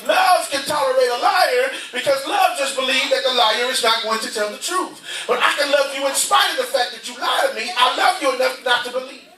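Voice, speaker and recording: A man's voice: very high-pitched, fairly quick, few pauses. A man preaching a sermon, acting out scenes and calling out to the congregation. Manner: animated preaching, acts out scenes, shouts to congregation. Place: church. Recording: echoey church heard from far off, congregation audible. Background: congregation responding.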